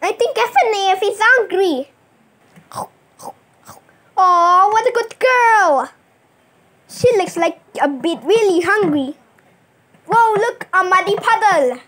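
A woman's voice: very high-pitched, lively intonation, a little slow, a bit bright. A woman narrating a toy play story, voicing the characters herself with playful, sing-song sound effects.

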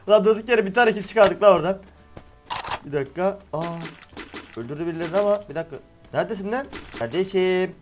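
A young man giving excitable, slangy play-by-play of a shooter game, teasing the players he beats. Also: high-pitched. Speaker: gaming streamer. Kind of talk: live gameplay commentary. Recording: game music and gunfire behind.

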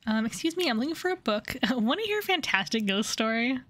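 Woman livestreamer for casual game commentary: playful, giggly, very lively intonation, dry close sound. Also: a little high, a little fast, dry recording. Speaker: game streamer.

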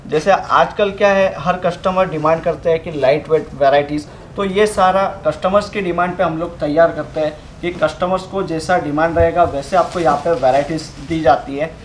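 Inside a fabric showroom, a young man demonstrates sarees and their fabrics and work. His voice is pitched slightly high, and he keeps a steady sales rhythm, halting on filler words. Room echo and a faint background hum color the audio.

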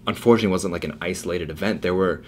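A man's voice: low-pitched, racing, slight background noise. A young man co-hosting a casual podcast, telling a long story loosely with many fillers. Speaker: podcast co-host. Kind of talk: casual chat.

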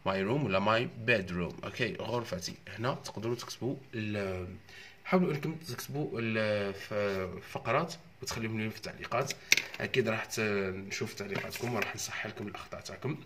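A young man with an Algerian Arabic accent teaching English. He says the English words slowly and clearly, then explains them quickly in Arabic. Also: fairly low pitch, background noise. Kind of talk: exam walkthrough lesson.

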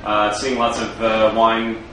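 A man in his thirties, a restaurant chef, giving a walkthrough interview with frequent uh pauses. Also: lowish voice, completely flat delivery, sharp tone. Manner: hesitant, many filler uhs. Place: restaurant wine cellar and dining rooms, indoors. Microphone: camera mic, handheld camera close by. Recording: echoey room, noisy background hum.

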